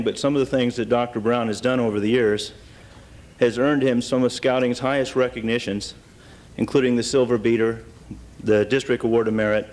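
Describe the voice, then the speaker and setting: A man's voice: medium pitch, a little mellow. A man from a Boy Scouts council giving a formal award tribute in a banquet hall, addressing the honoree directly.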